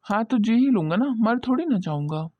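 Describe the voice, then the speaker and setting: A woman voicing a stingy, grumpy village husband in a cartoon, gruff and dismissive. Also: fairly high pitch, expressive, moderate pace, darkish tone, no room sound. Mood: grumbling. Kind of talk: cartoon voice acting. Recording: dull lo-fi dry audio.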